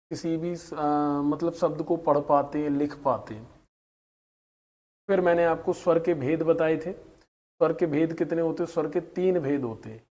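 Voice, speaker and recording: Man, teacher, patient recap of a lesson, drawn-out example sounds, fairly high voice with a mellow tone. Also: poor audio. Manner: patient, explains slowly and drags out vowel sounds as examples; mixes in English words.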